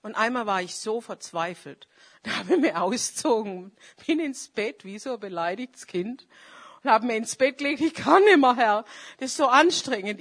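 A woman preacher, giving a fervent charismatic sermon and praying aloud. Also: fairly high pitch. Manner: fervent, swings between loud calls and quiet confession; prays aloud mid-sermon.

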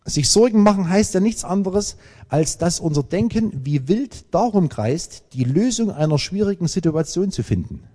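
A man preaching a sermon, emphatic and lively, with dramatic pauses. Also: sits high. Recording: long hall reverb.

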